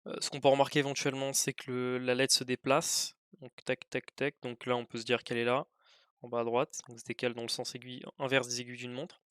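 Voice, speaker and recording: A man's voice: mid-range voice, little pitch movement, fast talker, fairly bright tone, clean tone, no room sound, clean studio sound. A young man tutoring test prep, working through puzzles aloud in a casual, hesitant way with many fillers. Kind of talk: informal worked-example lesson.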